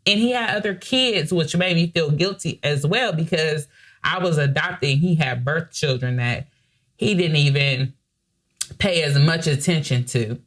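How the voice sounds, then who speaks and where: This podcast co-host has a low, slightly slow voice with a bit of brightness. She shares a personal family story candidly and emotionally, restarting often and letting the odd swear word slip.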